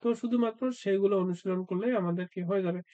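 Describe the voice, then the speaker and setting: Fast, flat-voiced male math tutor. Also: high-pitched, no room sound, dull audio. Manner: asks and answers his own questions, frequent "uh" fillers. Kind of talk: exam-prep math lesson.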